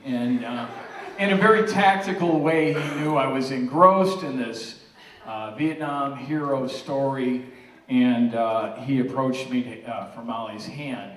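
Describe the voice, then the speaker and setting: A middle-aged man giving a casual, humorous father of the bride speech, telling family stories with halting pauses for effect. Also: mid-range voice. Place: large room with wedding guests. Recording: echoey noisy room, distant mic, crowd.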